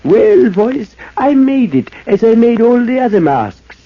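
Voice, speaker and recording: An actor playing a deranged, grandiose villain in a 1940s radio drama, with a halting, theatrical, gloating delivery. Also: male voice, very high-pitched, very animated, full character voice. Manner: theatrical, halting, cackling madman. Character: deranged villainous old-time wax artist, gloating and grandiose. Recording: muffled, noisy old radio recording.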